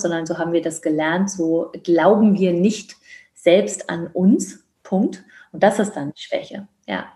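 A woman's voice: lowish voice, a little mellow, roomy sound. A woman in her fifties, raised in Georgia, speaking earnestly and thoughtfully as an interview guest. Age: 50s. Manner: earnest, thoughtful, with many restarts. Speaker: midwife. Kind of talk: reflective conversation.

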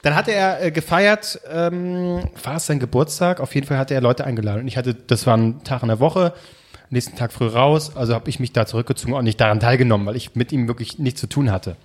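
A man's voice: mid-range voice, fairly quick. A young man telling a story in casual chat, rambling and hesitant, often breaking into laughter.

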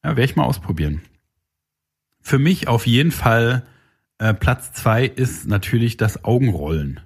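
A man's voice: mid-range voice, sing-song, a little slow, vocal fry, breathy edge. A man co-hosting a podcast in casual comedic chat, joking around and dropping into silly sounds. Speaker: podcast co-host.

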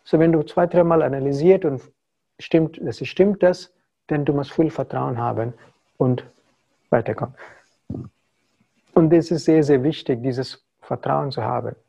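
A man's voice: fairly high pitch, a little slow, creaky, pauses often, dark tone, slightly rough, highs cut off. A man from India, a spiritual teacher giving a talk to followers in broken German with English phrases mixed in. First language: not German.

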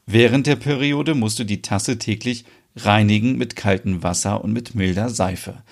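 A man's voice: on the low side, moderate pace, vocal fry. Matter-of-fact young woman, read by a man, patient and explaining, storybook reading.

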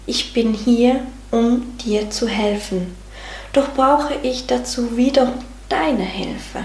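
A woman voicing the loving, reassuring inner voice of a soul, speaking in a gentle, patient, guiding manner. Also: fairly high pitch, takes it slowly. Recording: roomy sound with faint music.

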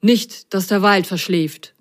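A woman voicing a fussy male cuckoo in a children's story, brisk and slightly annoyed. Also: mid-range voice, lightly acted. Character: fussy male cuckoo who calls the hours.

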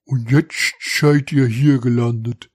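Guy doing a chunky security mouse, thick dialect, slow, kinda husky, storybook voice. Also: mid-range voice, fairly even intonation, a little mellow, no room sound, clean studio sound. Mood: amused. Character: burly male house mouse security guard, dry humor.

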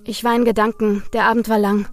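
A woman's voice: on the high side, level tone, quick pace, faint music behind, lightly acted. Female reader as a nervous young man, alarmed, unsure. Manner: alarmed, hesitant. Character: anxious young man, uneasy friend.

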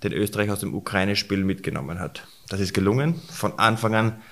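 A hoarse man, hosting a sports recap podcast and talking in a rushed, emotional way. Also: on the low side, a bit bright. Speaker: podcast host.

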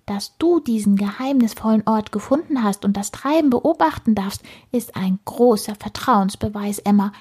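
A woman voicing a cheeky little male squirrel with a squeaky, piping voice, teasing and lecturing in a storybook. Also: expressive, moderate pace, hardly any pauses, dark tone, husky. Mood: explaining. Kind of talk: storybook narration.

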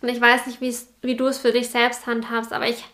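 A woman's voice: on the high side, monotone, fast talker, a bit bright. A woman hosting a solo podcast as a business mentor, speaking directly to the listener and repeating key phrases for emphasis.

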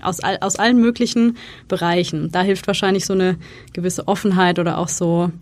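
Her lowish, darkish voice holds a steady tone and moves fairly quickly in a dry recording. As a chatty interview guest who works as a freelance consultant and wedding speaker, she tells stories by acting out bits of quoted dialogue.

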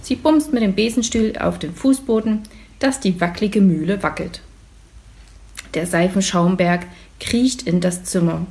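Brief: woman storyteller, mid-pitched voice with a gravelly creak, calm and lively read-aloud narration for children. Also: a little slow.

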